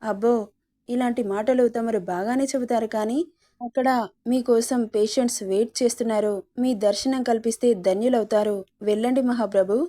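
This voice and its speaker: A woman's voice: a little high, steady tone, normal speed, dark tone, natural voice. A woman reading a cheeky young newlywed wife. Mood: teasing. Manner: mock-formal, sweetly teasing.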